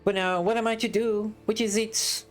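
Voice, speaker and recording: A storybook reader voicing a timid, frightened small hobbit burglar with high, squeaky, anxious cries. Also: steady tone, normal speed, soft background music, natural voice.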